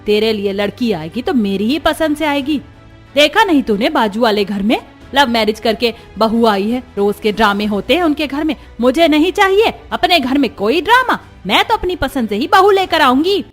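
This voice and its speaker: A woman's voice: fairly high pitch, expressive, a little fast, faint music behind. A woman voicing a strict middle-aged mother who is firm and insistent, in a cartoon story. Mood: stubborn.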